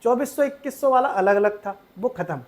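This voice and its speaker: With an extremely high-pitched voice and a fairly quick pace, a man runs an online exam-prep class. He tells things playfully like stories, offers memory tricks, frequently checks on his students, and swings from loud emphasis to quiet asides.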